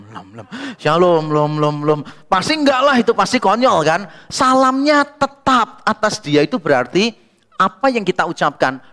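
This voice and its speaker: A man preaching an expository sermon as a pastor, telling lively stories and acting out the people he quotes. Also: high-pitched. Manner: animated storytelling, acts out quoted people. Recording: reverberant hall.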